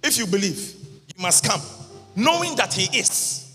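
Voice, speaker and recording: A man preaching a sermon at a convention, in chanted, half-sung lines that burst into shouts. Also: high-pitched, sing-song, normal speed. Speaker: prophet preaching. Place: large church or convention hall. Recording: reverberant hall with music behind.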